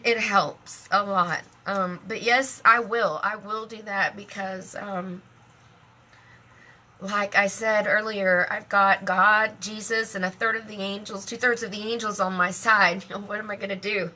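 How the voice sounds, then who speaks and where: A middle-aged woman with a mid-range voice hosts a live stream, chatting casually in an emotional, talkative way. She laughs often and speaks warmly about her faith.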